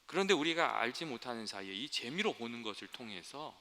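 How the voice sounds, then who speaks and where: A male pastor preaches with a very bright, forceful tone and a lively pitch that swings up and down. He speaks earnestly to his congregation and slips easily into storytelling. His voice rings out in a long reverberant church hall. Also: brisk. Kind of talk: sermon.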